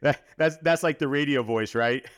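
A man's voice: mid-range voice, moderate pace, clean tone, no echo, studio quality. A man hosting a podcast, delivering upbeat, hyped introductions and interview questions. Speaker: podcast host.

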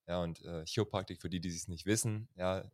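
A man in his thirties from Germany, a chiropractor talking as a guest in a relaxed, loose way. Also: low voice, a little fast, no room sound, clean studio sound. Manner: relaxed, loose, peppers speech with "ja". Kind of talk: casual interview talk.

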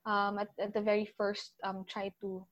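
A young woman in her twenties with a Filipino accent, a guest giving chatty big-sister advice and often trailing off softly. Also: medium pitch, completely flat delivery, moderate pace, dull audio. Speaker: interview guest, older sister. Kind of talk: casual interview mixing English and Tagalog.

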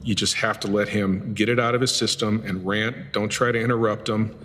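A man's voice: on the low side, steady tone, fairly quick, noisy background. A man, an FBI agent, bluntly retelling an interrogation in an interview, acting out the dialogue. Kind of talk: interview recollection. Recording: long reverb with music behind.

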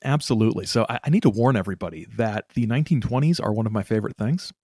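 Male co-host, fairly low pitch, casual explainer, dry humor, very little room sound. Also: lively intonation, very fast, a little mellow, breathy edge, no echo. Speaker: podcast co-host. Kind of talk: casual chat with explanatory narration.

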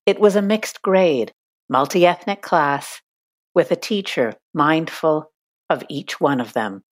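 A woman reading scripted documentary narration with measured, deliberate phrasing. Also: low-pitched, animated.

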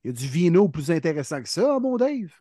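High-voiced Quebec man hosting a sports podcast. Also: very animated, fairly quick, mellow, no echo, studio quality. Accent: Quebec French. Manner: joking, colorful turns of phrase. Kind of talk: casual sports banter.

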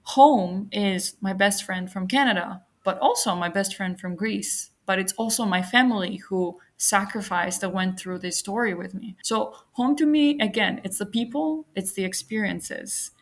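A woman's voice: mid-range voice, normal speed, few pauses. A young woman from Albania, a podcast guest, answering questions in an earnest, open and personal way. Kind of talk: reflective interview answers.

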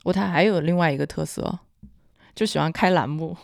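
A woman with a slightly low voice co-hosts a casual podcast. She has a Hunan accent and merges her L and N sounds. The sound is dry and close. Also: a little fast, creaky, dry recording. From Hunan, China. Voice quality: mixes up L and N sounds. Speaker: podcast co-host.

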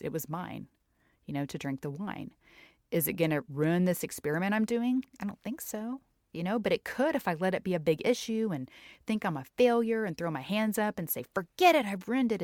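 Middle-aged woman, podcast host, low voice, dry booth sound, candid reflective chat. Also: a little mellow, no echo. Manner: candid, reflective, conversational with fillers. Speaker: podcast host and health coach. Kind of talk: personal faith-based podcast talk.

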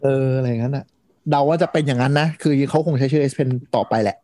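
A man's voice: mid-range voice, fast, warm tone, dry recording. A man co-hosting a casual tech podcast, patiently explaining how things work.

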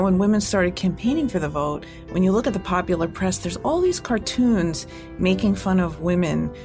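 A woman's voice: fairly low pitch, gravelly. A woman guest explaining history in a thoughtful conversational way, with restarts and fillers.

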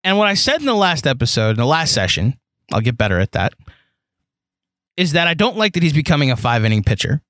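A young man hosting a solo sports podcast, talking in an animated, rambling way with lots of fillers and restarts. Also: a little high, fast talker, no echo. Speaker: podcast host.

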